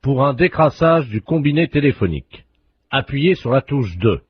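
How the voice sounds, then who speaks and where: A man's voice: mid-range voice, big pitch swings, moderate pace, dull audio, slight background noise, lightly acted. A man playing a phone company's automated operator, reading absurd menu options in a stiff recorded-menu delivery. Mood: deadpan.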